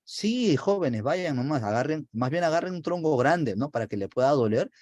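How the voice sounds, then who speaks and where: A man's voice: on the high side, lively intonation, moderate pace, a little mellow, dry recording. Man reading a scheming, scolding wife, dry and close.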